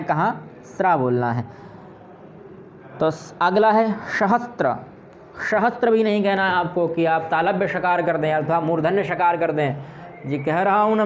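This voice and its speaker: A man teaching pronunciation who repeats words slowly and patiently, often asking questions and answering them himself. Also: high-pitched, muffled recording, slight background noise. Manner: asks and answers his own questions. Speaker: Sanskrit teacher. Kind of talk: pronunciation lesson.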